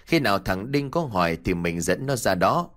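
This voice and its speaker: A man's voice: on the low side, sing-song, moderate pace, a bit bright. A man voicing a scheming, cruel elderly wife who bosses and scolds her husband in a ghost story. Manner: bossy, scolding.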